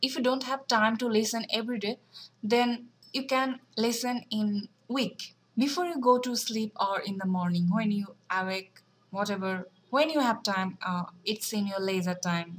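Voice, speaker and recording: A woman giving a beginner English lesson, switching between Bengali explanations and slow, careful English. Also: medium pitch, rough recording. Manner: slow deliberate English delivery. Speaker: English teacher.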